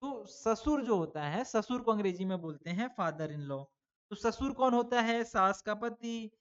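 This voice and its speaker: A man's voice: sits high, expressive, unhurried, fairly bright tone, smooth, lo-fi sound. Chatty man teaching children. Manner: asks students questions and answers them himself; chatty, addresses pupils as "beta". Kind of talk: online exam-prep lesson for children.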